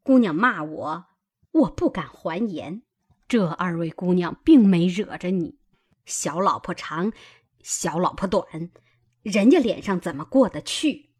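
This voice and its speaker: A wheedling, fawning sister-in-law from an old storybook, coaxing and ingratiating, as a woman narrator puts her on. The voice is husky and unhurried. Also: fairly low pitch, animated. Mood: sulky.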